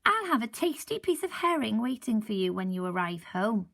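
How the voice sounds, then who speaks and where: A woman voicing an excitable, kindly old wife who cooks, with bright, eager exclamations. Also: on the high side, moderate pace, vocal fry, exaggerated voice.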